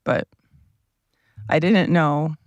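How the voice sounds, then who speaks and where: A man hosting a casual solo podcast from inside a parked RV, rambling along in a relaxed, meandering way with his low morning voice. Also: extremely slow, no room sound, dull audio. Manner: meandering, relaxed, thinking aloud with many asides. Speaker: podcast host. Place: seated at a table inside a parked RV. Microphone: small mic powered by a tablet.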